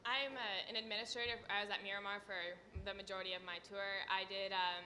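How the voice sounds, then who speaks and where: Young woman on a panel, talks fast, bright voice. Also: mid-range voice, steady tone, a little hiss or hum. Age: 20s. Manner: quick and to the point. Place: conference hall.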